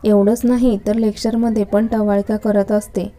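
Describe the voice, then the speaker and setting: A stern, irritable young lecturer, curt and scolding, as a woman reads him aloud. The voice is deeply dark and mellow, with little rise and fall. It sounds like a storybook reading. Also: level tone, normal speed, natural voice. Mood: irritated.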